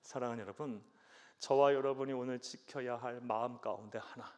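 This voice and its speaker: A man's voice: medium pitch, fairly even intonation, fairly quick. A male pastor preaching a sermon, questioning the congregation and often answering himself with a short "yes," in a church sanctuary with long reverb.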